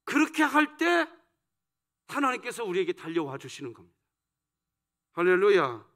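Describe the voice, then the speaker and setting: A pastor preaching a dawn service sermon, asking the congregation questions and swinging between loud emphasis and soft, low asides. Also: male voice, very animated, moderate pace, creaky. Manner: rhetorical questions put to the congregation. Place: church sanctuary.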